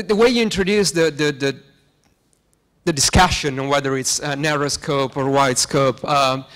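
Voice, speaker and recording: A young man in a lecture hall audience asking a long academic question into a handheld mic, with many ums. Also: mid-range voice.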